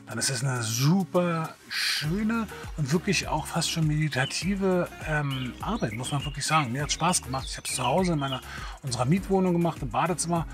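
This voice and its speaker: A man's voice: fairly high pitch, expressive, moderate pace, over music. A middle-aged man from Berlin talking casually to camera as a photography host, chatty and hesitant with many fillers. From Berlin, Germany.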